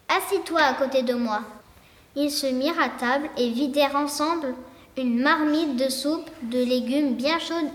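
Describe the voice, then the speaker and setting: A woman tells a fairy tale in a high, soft voice, taking her time with each sentence. The recording sounds roomy, with a long reverb hanging after her words. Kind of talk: storybook narration. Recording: echoey room with long reverb.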